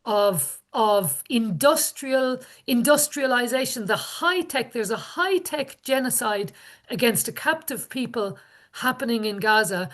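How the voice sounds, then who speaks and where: A woman's voice: fairly high pitch, expressive, a little slow, a bit bright. A woman with a west of Ireland accent giving an informal public talk as an activist, earnest and repeating phrases for emphasis. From Galway, west of Ireland. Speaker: activist speaker.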